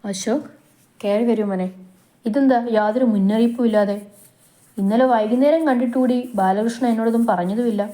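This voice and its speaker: A woman reading the part of a middle-aged father, a calm but stern family head who speaks in a measured, firm way. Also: a little high, close to an everyday voice.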